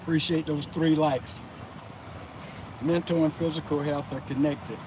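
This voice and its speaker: This Florida livestream host has a fairly high voice with fairly even intonation and a measured pace. He runs a casual motivational stream outside, chatting loosely and calling out viewers by name while loud traffic roars in the background.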